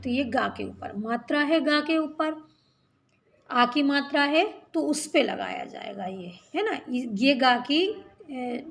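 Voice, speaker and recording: A woman's voice: sits high, creaky. A woman teaching a reading lesson, patiently repeating each word and asking check questions. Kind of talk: slow children's reading lesson.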